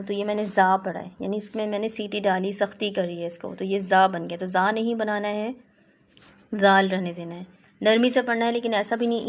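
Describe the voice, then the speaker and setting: Young woman teaching recitation, slow demos of each sound, pretty flat tone, light hiss behind. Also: medium pitch. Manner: patient, demonstrates each sound slowly, then explains; mixes in English phrases. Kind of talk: online lesson on letter pronunciation.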